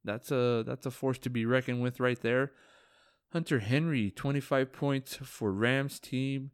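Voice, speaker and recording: A man talks through a casual fantasy football podcast recap, tired and yawning but still joking and teasing his league friends. His voice is smooth and resonant, sitting at an everyday pitch. The recording is dry and close with no room sound. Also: fairly even intonation, unhurried, dry recording.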